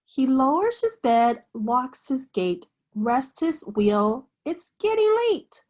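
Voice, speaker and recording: A woman reads a picture book aloud in a fairly high voice that swoops widely in pitch, very animated and lingering over each phrase. She has a teacher's sing-song expressiveness, as if telling a bedtime story to young children, slow and punctuated by hushed bedtime shushes.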